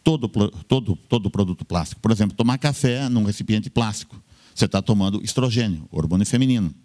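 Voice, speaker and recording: A man's voice: on the low side, quick pace, a little mellow. A man, a doctor, giving a health talk in an emphatic way, listing points in short bursts and repeating key words. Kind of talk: lecture-style health talk.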